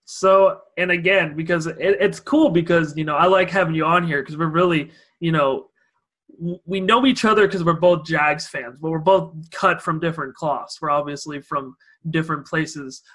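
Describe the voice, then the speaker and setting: A man's voice: on the high side, fairly even intonation, moderate pace, fairly bright tone. A young man from Idaho hosting a casual podcast interview, asking loose, rambling questions full of fillers. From Idaho, USA. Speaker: podcast host.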